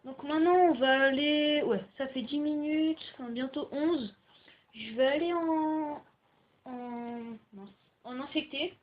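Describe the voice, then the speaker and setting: A woman's voice: sits high, takes it slowly, highs cut off. A young woman rambling casually through gaming commentary, with frequent filler words, into a home computer microphone. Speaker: gaming video maker.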